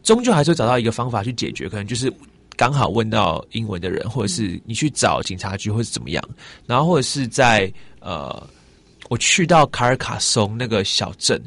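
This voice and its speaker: A man with a Taiwanese Mandarin accent chatting as a guest, telling travel stories in an animated way and acting out the exchanges he describes. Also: fairly low pitch, a little fast, gravelly. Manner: animated storyteller, acts out quoted exchanges. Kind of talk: casual chat.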